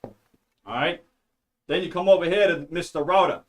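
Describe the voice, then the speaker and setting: A man with a slightly higher voice runs a casual study stream, explaining networking in a loose, talkative way. He keeps checking in with listeners and throws in little jokes. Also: moderate pace. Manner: rambling and talkative, says "all right?" and "okay?" constantly; jokey, mutters to himself. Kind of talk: casual live-stream teaching.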